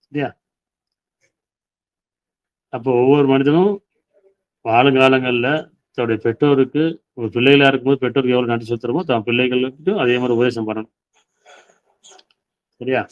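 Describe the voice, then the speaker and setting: Male preacher, mid-pitched, reads verses and explains them, keeps checking in with listeners; slightly dull lo-fi audio. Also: flat delivery, moderate pace, pauses often. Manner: asks listeners rhetorical questions, reads verses aloud then explains. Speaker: Islamic preacher. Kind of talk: Tamil sermon explaining Quran verses.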